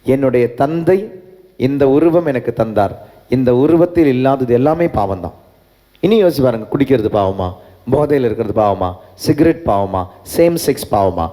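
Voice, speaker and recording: Priest preaching in an echoing church. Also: male voice, mid-range voice, expressive, moderate pace, mellow. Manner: preaching with repeated refrains, switching into English. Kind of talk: sermon. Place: large church. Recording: long church reverb.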